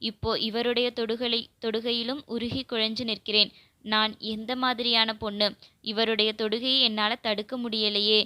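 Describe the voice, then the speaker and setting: A woman's voice: fairly high pitch, flat delivery, normal speed, sharp tone, no room sound. A woman reading a storybook, voicing a young wife's anxious, self-questioning inner thoughts. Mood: anguished. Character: guilt-torn young wife, inner voice.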